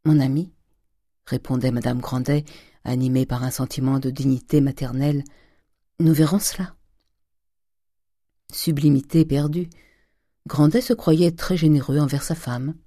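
An audiobook reader giving a measured, steady narration of a classic novel. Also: medium pitch, dry recording, studio quality.

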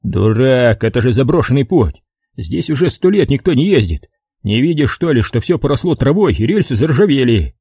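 A man's voice: medium pitch, sing-song, normal speed, warm tone, slightly rough, no room sound, studio quality, voice pushed up. A man voicing a grumpy, irritable army corporal who grumbles and needles his men with sarcasm.

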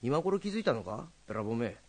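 An actor playing a hot-headed young rakugo storyteller, blunt and quick to scold. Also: male voice, mid-range voice, very animated, a little mellow, no echo. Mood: gruff. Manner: gruff, rough-tongued and quick to scold. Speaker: rakugo storyteller teaching students. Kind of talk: film drama acting.

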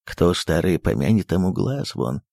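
A man voicing a fussy, sentimental elderly postmaster who speaks low and coaxingly, dropping into whispers. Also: big pitch swings, moderate pace, gravelly, warm tone, no echo, clean studio sound, full character voice. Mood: coaxing tender.

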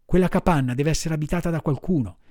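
A man voicing an earnest, kind wooden puppet boy who talks in a lively way. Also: on the high side, fast, no room sound, clean studio sound, lightly acted. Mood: eager.

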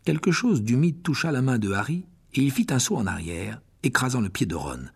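A man's voice: mid-range voice, big pitch swings, a little fast, gravelly, breathy edge. A man narrating a fantasy audiobook dramatically, often dropping to a whisper. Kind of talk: expressive audiobook reading.

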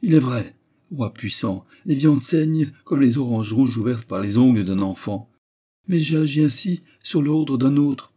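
A man's voice: medium pitch, expressive, measured pace, mellow, voice pushed up. A man doing a trembling pleading cook. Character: fearful trembling male cook servant.

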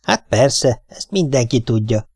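Man reading as anxious husband, coaxing, gravelly, dry. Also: mid-range voice, animated, darkish tone, no echo. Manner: coaxing, reassuring, plain. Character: nervous, coaxing middle-aged husband.

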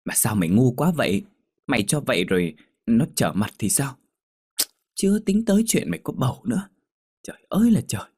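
A man voicing a blunt, outspoken young woman friend who exclaims loudly. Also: lowish voice, lively intonation, brisk, slightly rough. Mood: shocked.

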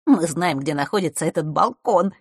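A woman's voice: low voice, lively intonation, moderate pace, husky, dry recording, clean studio sound, full character voice. A woman voicing an eager, teasing boy at summer camp.

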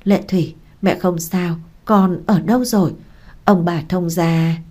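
A woman's voice: lowish voice, fairly even intonation, unhurried, darkish tone. A woman voicing an older mother-in-law who speaks in a trembling, pleading way.

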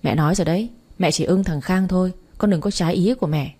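A bossy, scolding middle-aged mother from a spoken storybook, read by a woman. Her voice sits low and mellow. She gives short, commanding orders. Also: fast talker, husky.

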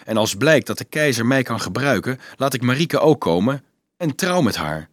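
Man voicing calm self-assured student, measured, lively melody, dry close sound. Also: mid-range voice, dry recording.

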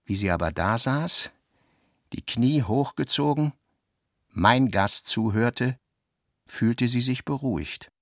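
Brief: male narrator for a literary radio play; even and measured, mid-pitched, dry studio sound. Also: no room sound.

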